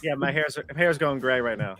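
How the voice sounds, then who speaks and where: A man's voice: mid-range voice, fairly quick, fairly bright tone, faint music behind. A man narrating his character's actions in a tabletop game, playful and teasing. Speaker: player.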